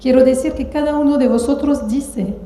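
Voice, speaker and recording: A woman interprets a sermon line by line, keeping up quickly and sometimes correcting herself mid-word. Her voice sits fairly high but sounds very dark and mellow. The room is echoey. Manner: quick, fluent rendering with occasional restarts. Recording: echoey hall.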